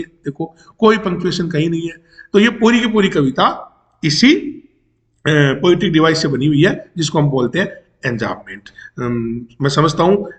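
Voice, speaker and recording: लंबे अंग्रेज़ी शब्दों वाला भारतीय शिक्षक. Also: male voice, a little high. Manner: lively, rising questions, switches Hindi and English. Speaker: teacher. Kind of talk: explaining a poem to students. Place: home near railway tracks.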